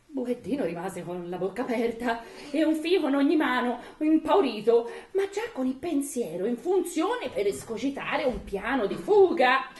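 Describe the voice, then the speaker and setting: A woman reading a folk tale aloud at a live evening event, expressive with laughing asides. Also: high-pitched, moderate pace, hardly any pauses. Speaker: storyteller. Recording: echoey room.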